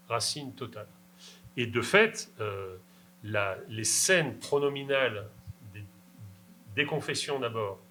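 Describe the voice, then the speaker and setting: A man's voice: mid-range voice, pushed and bright, slight background noise, rough recording. A man answering questions after a lecture, emphatic and insistent, checking in with his audience. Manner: emphatic, insistent, rhetorical "d'accord?". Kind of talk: academic Q&A answer.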